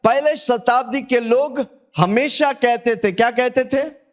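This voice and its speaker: A man from India preaching a sermon as pastor, calling on the congregation to shout answers back and repeating scripture after a reader. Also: very high voice, slow pace. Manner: call-and-response preaching, urging listeners to shout back.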